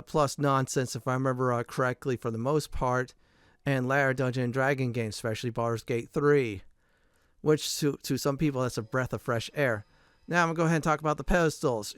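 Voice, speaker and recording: A man's voice: medium pitch, smooth, no room sound, clean studio sound. A man hosting his own gaming channel, chatting casually through gameplay, rambling with lots of fillers and half-remembered details.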